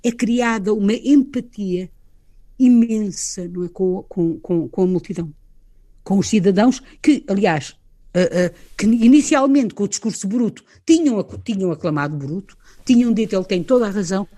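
A woman's voice: medium pitch, expressive, normal speed, warm tone. A woman with a European Portuguese accent, a guest in a conversational literary discussion, explaining with animation and frequent tag questions.

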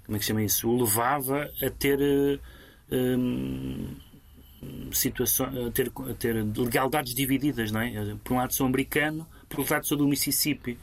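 A man's voice: mid-range voice, fairly even intonation, normal speed, gravelly. A man with a European Portuguese accent discussing a book as a critic on radio, full of fillers and restarts. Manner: hesitant, many fillers and restarts.

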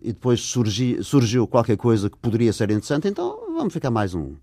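The guest is an older Englishman, a native English speaker, fielding interview questions in Portuguese, which he learned, with hesitation and lots of fillers. He talks fast at medium pitch, with a dark tone and big swings in pitch. The studio sound is clean, with no room sound.

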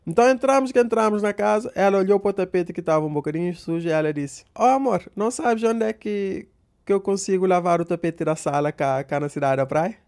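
A man's voice: sits high, quick pace, a little mellow. Man telling a comic story, mock-exasperated.

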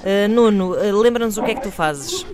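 A man's voice: high voice, moderate pace, over music. A man with a European Portuguese accent hosting a morning radio quiz, playful and joking with callers. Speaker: radio host.

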